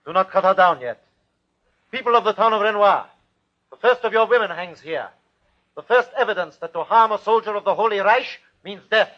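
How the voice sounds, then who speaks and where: In an old-time radio drama, a man plays a ruthless German army captain who declaims and commands in a clipped, fanatical style, cold and commanding. His delivery is brisk with lively intonation, and the recording is dull and low-fidelity like vintage broadcasts.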